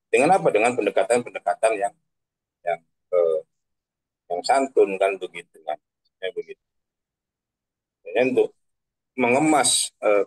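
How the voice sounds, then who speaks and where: A man's voice: mid-range voice, poor audio. A man giving a casual online religious talk as a preacher. He speaks in slangy everyday phrasing, tags his sentences with filler questions and laughs at his own examples. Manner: chatty, tags sentences with 'kan begitu'. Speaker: Islamic preacher.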